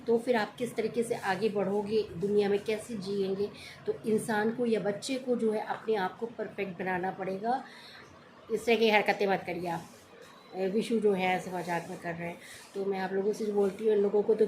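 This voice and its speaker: Background noise accompanies this middle-aged woman's mid-range voice. Vlogging from home about family life, she keeps a chatty, homely tone and now and then lectures.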